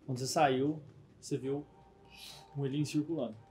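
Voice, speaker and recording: A man's voice: medium pitch, fairly even intonation, moderate pace, a little mellow, faint music behind. Man narrating as game master. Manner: descriptive, hesitant narration with fillers.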